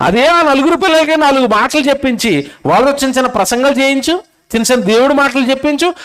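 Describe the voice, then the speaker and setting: A man's voice: very high-pitched, fairly bright tone, clear, resonant tone. A male preacher with a Telugu accent delivers a sermon, scolding his audience with rhetorical questions. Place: convention stage.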